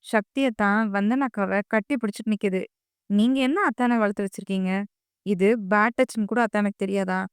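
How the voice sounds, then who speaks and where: A woman's voice: mid-range voice, brisk, clean tone, dry recording, studio quality, natural voice. A woman doing a jealous, pouting young woman. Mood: indignant. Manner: petulant, complaining.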